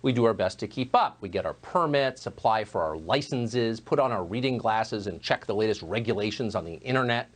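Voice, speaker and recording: Tv host guy doing his opening monologue, animated pitch, a bit raspy. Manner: measured, emphatic delivery. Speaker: news host. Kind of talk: scripted opinion monologue.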